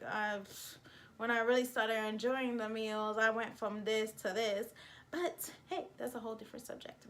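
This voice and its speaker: With a New York accent, an American vlogger addresses her camera head-on, sounding emphatic and plainly indignant. She's casual and expressive, her voice leans a bit high, and a soft hiss lies beneath it.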